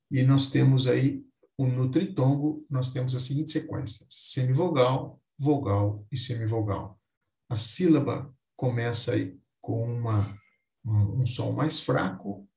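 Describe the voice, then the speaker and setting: A man teaching a Portuguese grammar lesson, speaking slowly and deliberately and stressing each example word. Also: medium pitch, creaky, darkish tone, echoey room.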